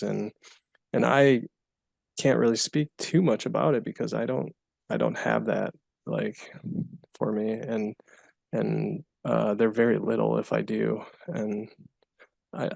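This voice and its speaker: A man co-hosting a podcast, speaking in an earnest, halting and encouraging way. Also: lowish voice, gravelly, darkish tone, no echo. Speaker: podcast co-host. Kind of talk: casual podcast chat.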